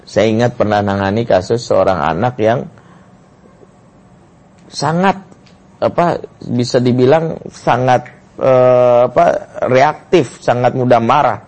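A man's voice: mid-range voice, slow, long pauses, darkish tone. A male Islamic lecturer, giving a family lecture and telling stories expressively with frequent "ya".

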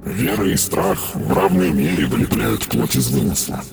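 A man voicing a sinister, mocking female dark sister in an audiobook, speaking slowly and taunting. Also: rumbling low, sing-song, creaky, faint music behind, pitched below the performer's own voice, full character voice. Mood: serene.

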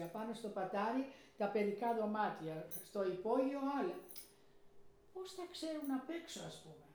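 A woman's voice: medium pitch, heavy reverb. An older Greek woman telling an oral history of her working life, acting out the voices of the people she quotes. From Greece. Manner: animated, acts out the voices of people in her stories. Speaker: interviewee recounting her life.

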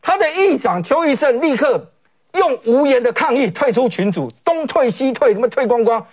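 A man with a Taiwanese Mandarin accent giving animated, sarcastic political commentary on a talk show, often mimicking what others said. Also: very high-pitched, normal speed, breathy edge.

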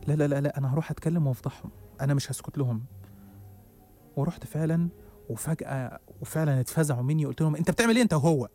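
Rapid Egyptian man telling a horror story. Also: on the high side, steady tone, warm tone, faint music behind. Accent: Egyptian Arabic. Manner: suspenseful, first-person, rapid telling. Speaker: storyteller host. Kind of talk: dramatic horror story narration.

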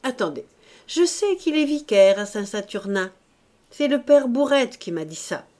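A woman's voice: on the high side, animated, a little slow, a little mellow, voice pushed up. A woman voicing a scheming older society lady who speaks in an affected, exclamatory, falsely sweet way. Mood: feigning surprise.

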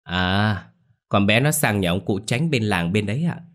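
A man's voice: fairly low pitch, expressive, moderate pace, a bit bright. A man voicing a timid middle-aged daughter-in-law who stammers and pleads. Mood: pleading.

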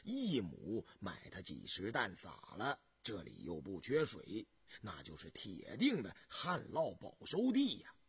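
A man voicing a tired, ailing middle-aged male official who speaks low and self-mockingly, for an audiobook. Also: wildly swooping pitch, a little slow, breathy edge, no room sound, heavily acted. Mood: earnest. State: exhausted.

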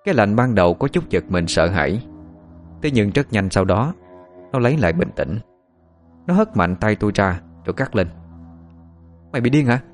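A man narrating a first-person story in a steady, calm storytelling manner. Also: lowish voice, moderate pace, faint music behind.

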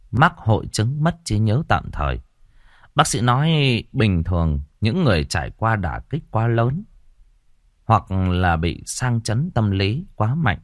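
Male horror narrator, low voice with wild swings, dry sound, faint music under. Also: no room sound. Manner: dramatic, swinging intonation. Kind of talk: audiobook horror story narration.

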